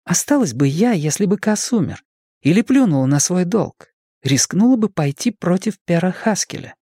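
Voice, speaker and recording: A man's voice: high-pitched, very animated, moderate pace, dark tone, slightly rough, no room sound, clean studio sound, voice pushed up, heavily acted. A man voicing an anxious young woman spy. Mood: tense inward.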